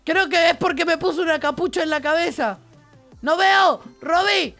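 A young man with a Rioplatense accent chatting playfully and excitably over gameplay. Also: very high voice, normal speed, soft background music. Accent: Rioplatense Spanish. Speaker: gamer in a duo gameplay video. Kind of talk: casual gameplay commentary.

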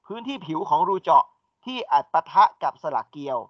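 An engineering lecturer with a high-ish, very animated, slightly fast voice teaches a class, explaining step by step and putting questions to his students. It's a classroom lecture on a dull, dry recording.

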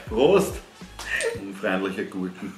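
A man's voice: lowish voice, big pitch swings, extremely slow. A man in his twenties with an Austrian accent, bantering casually and teasing boisterously as a vlog host during a drinking game. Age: 20s. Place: clothing studio room at a table. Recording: roomy indoor sound, music behind.

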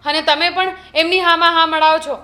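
An actress playing a younger daughter-in-law who argues back sharply and complains about doing all the housework. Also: female voice, very high voice, steady tone, brisk, pushed and bright. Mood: defiant. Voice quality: argumentative, retorting. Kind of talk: village family drama acting.

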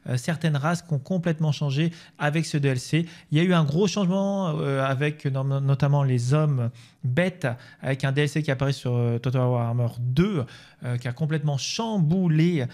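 A man's voice: a little high, moderate pace, darkish tone. A man hosting a gaming video, talking casually over a game map with many fillers and restarts. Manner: chatty, many fillers and restarts, shifting pace.

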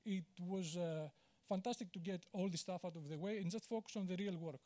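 A Greek man gives a conference talk from the stage of a large auditorium, holding a handheld mic. His high, mellow voice moves briskly as he speaks candidly and jokes at his own expense, often pausing on "uh" and restarting sentences.

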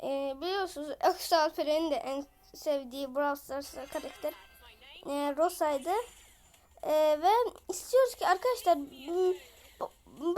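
A woman with a voice off from illness, giving excitable live gameplay commentary, chatting in slang and yelling at opponents. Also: high voice. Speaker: gaming video creator.

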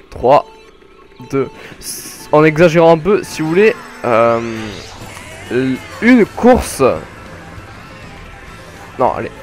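A young man casually commenting his kart race, joking and rambling with sudden excited outbursts. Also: on the high side. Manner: jokey, rambling, self-mocking, bursts of excited yelling. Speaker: gaming commentator. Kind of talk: casual let's play commentary.

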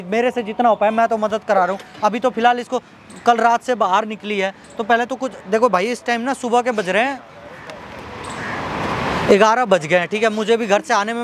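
Pleading man outdoors, high voice. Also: slight background noise. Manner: pleading, repeats himself, soothing when she cries. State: unwell. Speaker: vlogger helping a young woman. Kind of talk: outdoor appeal to viewers.

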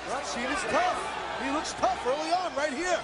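Color commentator for wrestling, male. Raised, very high pitch, blunt colloquial phrasing, heavy arena noise. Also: moderate pace, over a noisy crowd. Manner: colloquial, punchy. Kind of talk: live wrestling analysis commentary. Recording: loud arena noise behind broadcast commentary. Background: noisy wrestling arena.

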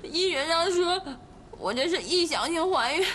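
A woman's voice: extremely high pitch, expressive, normal speed, fairly bright tone, slight background noise. A sobbing young woman. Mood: tearful. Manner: sobbing, stammering pleas. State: crying. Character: distraught young woman Caomei, tearful and clingy. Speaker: young woman claiming pregnancy.

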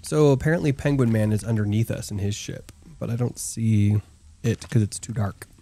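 A man's voice: lowish voice, normal speed, warm tone. A young man hosting a casual gameplay stream, chatting and thinking aloud as he builds and laughing often. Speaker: gaming channel host. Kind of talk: casual multiplayer gameplay chat.

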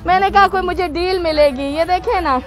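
Her voice extremely high and fairly quick, a Pakistani vlogger chats playfully on a live stream from an outdoor bazaar, welcoming viewers, bargaining and dropping in English phrases. A mask slightly muffles her. The handheld phone picks up the busy market crowd behind her.

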